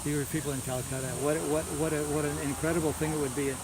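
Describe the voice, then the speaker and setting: A man with a higher-pitched voice speaks rapid-fire and flatly in an informal, reminiscing religious talk at a housewarming before a small audience. He frequently repeats words as he recalls things, over loud hiss and crickets in a noisy, outdoor-sounding recording.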